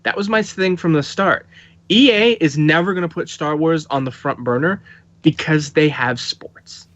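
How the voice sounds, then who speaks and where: Man, fairly high voice, emphatic, rambling podcast guest, lo-fi dry recording. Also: normal speed, a bit bright, no echo. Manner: emphatic, opinionated, many fillers. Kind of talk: casual chat. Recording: dull, lo-fi, dry sound.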